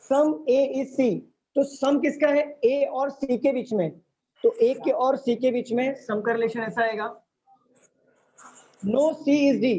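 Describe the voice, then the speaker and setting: A man with a very high, slightly mellow voice teaches reasoning live online, explaining step by step and continually quizzing his class. He mixes English terms into Hindi. The stream audio is dull, lo-fi, and carries faint noise.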